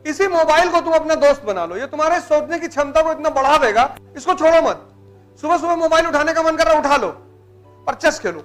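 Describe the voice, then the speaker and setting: A man's voice: very high-pitched, expressive, brisk, fairly bright tone, faint music behind. A man giving a blunt, teasing motivational lecture to students in colloquial speech. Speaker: motivational teacher.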